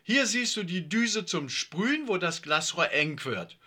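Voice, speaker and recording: A man's voice: high-pitched, sing-song, unhurried, bright, forceful tone, pitched above the performer's own voice, heavily acted. A man doing an earnest schoolboy explainer. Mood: earnest explaining.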